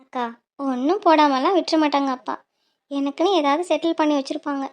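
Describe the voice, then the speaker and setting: A high-pitched voice plays the girls and women of a home-made animated cartoon. It moves between soft worry among friends and a mother's cutting scorn. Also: brisk. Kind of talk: animated Tamil cartoon voice acting.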